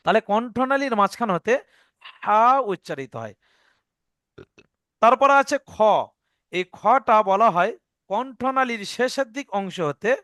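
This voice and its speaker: A man's voice: high-pitched, a bit bright, no echo, clean studio sound. A man teaching how Arabic letters are pronounced, patient, repeating his points, sounding out each letter and often checking that the learners follow. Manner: demonstrates sounds aloud. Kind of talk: Arabic letter pronunciation lesson.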